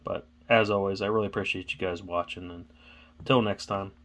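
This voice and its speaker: A man's voice: low voice, steady tone, a little fast, a bit bright. A man hosting a casual card-opening vlog, rambling and thinking aloud as he talks, with some stammering. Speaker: card-opening channel host.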